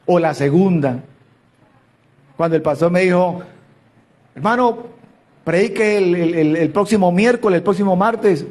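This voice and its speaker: A man's voice: sits high, a little slow, long pauses, a little mellow. A man preaching a sermon, telling a story with earnest repetition and fervent quoted prayers. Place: church sanctuary.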